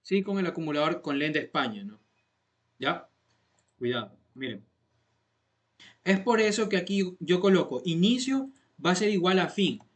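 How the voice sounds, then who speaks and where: Patient male coding teacher, slightly higher voice. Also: lively intonation, normal speed, long pauses. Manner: patient, repeats points and checks understanding with questions. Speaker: programming instructor. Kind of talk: step-by-step coding lesson.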